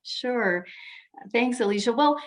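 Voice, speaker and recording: Animated woman telling a story. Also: a little high, takes it slowly. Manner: animated, acts out her own thoughts in quotes. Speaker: sports psychologist guest speaker. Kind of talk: storytelling in a club video call.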